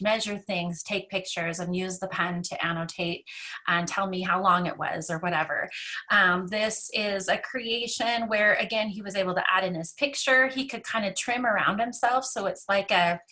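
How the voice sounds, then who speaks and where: Woman, teacher, conference talk, rushed delivery, lots of ums, bright tone. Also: mid-range voice. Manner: rushed, fast-talking, many filler ums. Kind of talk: conference presentation.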